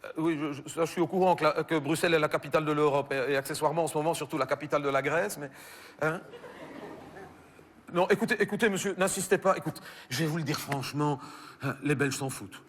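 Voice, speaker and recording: A Belgian French comedian on stage, doing one side of a phone call, stammering and bemused. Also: male voice, fairly high pitch, fast, fairly bright tone, long reverb tail. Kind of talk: stand-up phone sketch. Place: theater stage with audience.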